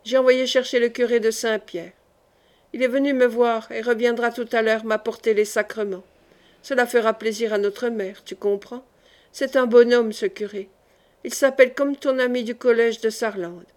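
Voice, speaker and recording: A woman reading the part of a gentle young man on his deathbed, soft, weary and affectionate. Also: a little high, steady tone, normal speed, lightly acted. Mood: tender.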